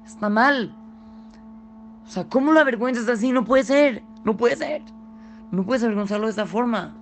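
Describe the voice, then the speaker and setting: A storyteller voicing a man in line who rebukes a shouter for shaming someone. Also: medium pitch, moderate pace, slight background noise, natural voice. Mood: earnest. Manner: reproachful, earnest. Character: calm man defending another in line.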